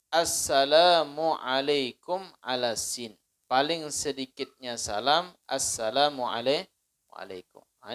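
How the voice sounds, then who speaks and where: Slow, clear-voiced Indonesian religious teacher. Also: male voice, mid-range voice, a bit bright. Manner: slow, drawn-out demonstrations of recited phrases; conversational, asks listeners questions. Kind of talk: Islamic study circle lesson.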